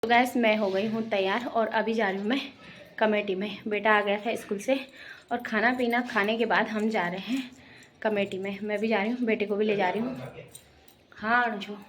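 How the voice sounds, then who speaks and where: A young woman from Garhwal, chatting fast and cheerfully to her viewers in a casual home vlog. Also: mid-range voice, fairly even intonation, slight background noise. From Garhwal, Uttarakhand. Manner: fast-talking, chatty, addresses viewers as guys. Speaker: vlogger.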